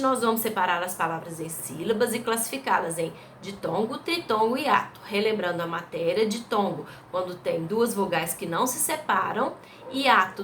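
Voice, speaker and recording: A Brazilian woman teacher walks young pupils through their exercises one step at a time, checking in with them as she goes. Her voice is bright and clear and sits at an ordinary pitch. Faint background noise runs under the recording. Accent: Brazilian Portuguese. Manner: patient, explains step by step, checks in with "tá?" and "né?". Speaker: primary school teacher. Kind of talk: recorded remote class going over exercise answers.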